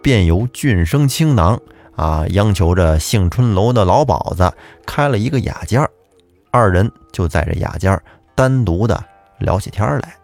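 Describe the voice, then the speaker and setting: A man's voice: fairly low pitch, expressive, moderate pace, a little mellow, soft background music. A man narrating a folk tale as storyteller host, chatty and turning to address his listeners.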